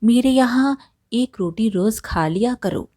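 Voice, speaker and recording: A woman voicing a kind young village daughter-in-law who talks gently and caringly. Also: fairly high pitch, measured pace, dry recording, studio quality.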